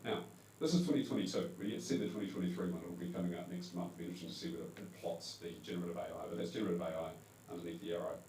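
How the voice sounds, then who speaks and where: Speaking fast with a warm tone, this deep-voiced New Zealand man presents to a live crowd as a panel speaker at a conference. His delivery is conversational, full of fillers and self-corrections. The recording comes from a distant mic in an echoey event hall with a faint hum.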